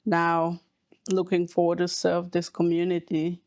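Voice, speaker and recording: A woman from Cameroon, a hematologist oncologist, giving slow, measured explanations with pauses in a podcast interview. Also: on the low side, completely flat delivery, darkish tone, no room sound.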